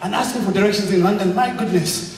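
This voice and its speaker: A young man from Zambia, doing an energetic, rabble-rousing stand-up comedy set and shouting his punchlines. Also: sits high, fast talker, heavy reverb, big-room sound, recorded from a distance, a little hiss or hum, rough recording. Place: comedy club stage. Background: audience laughter.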